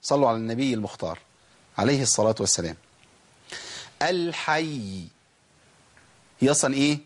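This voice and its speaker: A man with an Egyptian accent teaching Quran recitation, who asks the class questions, answers them himself, and draws out example words slowly. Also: medium pitch, lively intonation, darkish tone. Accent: Egyptian Arabic. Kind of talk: tajweed lesson.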